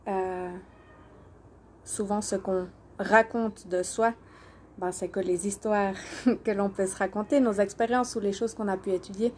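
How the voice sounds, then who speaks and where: A woman from Switzerland and Portugal informally introduces herself on a social media live stream, speaking hesitantly and searching for words. A doula and alternative therapy practitioner, she has a mellow, medium-pitched voice, with slight background noise.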